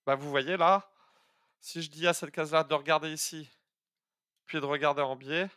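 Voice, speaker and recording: A man's voice: on the high side, steady tone, moderate pace, bright, forceful tone, no echo, studio quality. A man streaming a coding lesson, talking casually and hesitantly with many fillers while he thinks aloud. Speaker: coding streamer teaching algorithms. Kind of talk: live-streamed coding tutorial.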